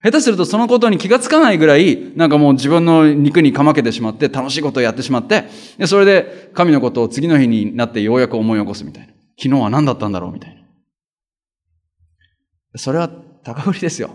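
A man preaching as a pastor, in a lively, colloquial way with vivid sound words. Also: fairly high pitch, fast talker. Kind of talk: conversational sermon.

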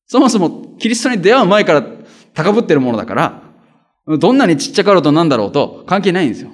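A man preaching as a pastor, in a lively, colloquial way with vivid sound words. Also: fairly high pitch. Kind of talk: conversational sermon.

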